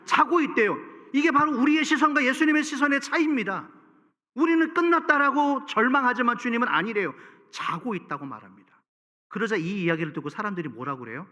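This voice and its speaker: Emphatic high-voiced pastor preaching. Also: male voice, animated, fairly quick, sharp tone. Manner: rising to emphatic peaks, asks the congregation questions. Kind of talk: sermon. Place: church sanctuary. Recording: reverberant church sanctuary.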